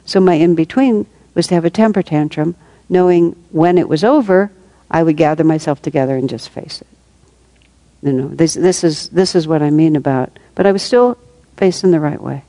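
A woman's voice: deep voice, moderate pace, mellow, no room sound. A woman giving a reflective, conversational spiritual talk to a group, taking questions as she goes. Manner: reflective and conversational, with light laughs. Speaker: spiritual teacher.

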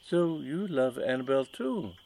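A man voicing an amiable, bewildered young English gentleman who talks mildly with stammers. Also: mid-range voice, expressive, unhurried, vocal fry, pitched above the performer's own voice, rough recording. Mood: puzzled. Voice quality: mild, stammering, upper-class English manner.

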